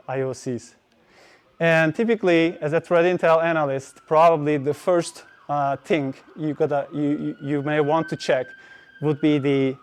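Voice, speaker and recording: A Turkish-speaking man delivers a technical conference talk in a fairly high, smooth, darkish voice. He sounds hesitant, filling pauses and restarting his sentences often.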